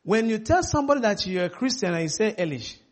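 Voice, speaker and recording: High-voiced emphatic male preacher. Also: expressive, fast talker. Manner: emphatic, repeats phrases, many "you know" fillers. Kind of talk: preached sermon with interpreter.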